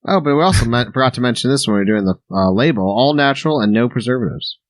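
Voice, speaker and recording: A man's voice: medium pitch, expressive, fast, no room sound. An easygoing man co-hosting a casual sauce-tasting podcast, agreeable and reading out the ingredient list. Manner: easygoing, agreeable, reads lists aloud. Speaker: podcast co-host.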